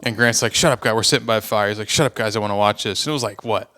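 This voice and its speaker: A man hosting a casual podcast conversation, blunt and profane, quick to agree. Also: lowish voice, sharp tone. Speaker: podcast host.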